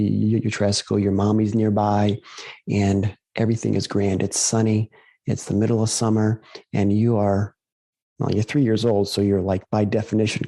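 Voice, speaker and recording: A man's voice: lowish voice, gravelly, dark tone, no room sound. A man guiding a meditation series, talking casually and rambling with many fillers and restarts. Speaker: meditation guide. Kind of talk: casual spoken reflection.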